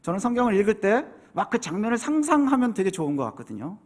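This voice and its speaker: A man's voice: high voice, sing-song, fast talker. A man preaching a sermon as pastor, explaining scripture and acting out quoted voices with rising intensity.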